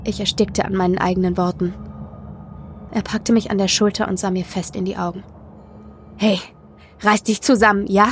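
A woman reading a first-person story aloud as audiobook narrator, in a measured, dramatic way. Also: medium pitch, a little hiss or hum.

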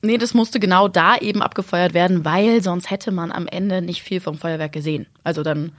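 A woman with a slightly raspy, hoarse voice from a light cold, co-hosting a chatty news podcast. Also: on the low side, steady tone, brisk, dry recording, studio quality.

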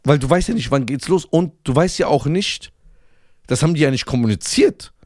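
A man co-hosting a podcast, telling a story in casual chat and rushing ahead when he gets excited. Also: a little high, no echo, studio quality. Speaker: podcast co-host.

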